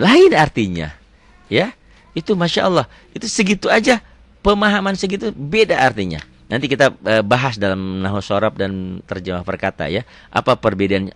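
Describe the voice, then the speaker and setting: A middle-aged man, teaching Quran reading in a casual lesson, moving between quiet asides and loud drawn-out recitation. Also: on the low side, no room sound.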